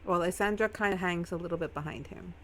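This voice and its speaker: A woman's voice: on the low side, fast, slight background noise. A woman narrating as game master, casual and a little profane. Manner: casual, swearing.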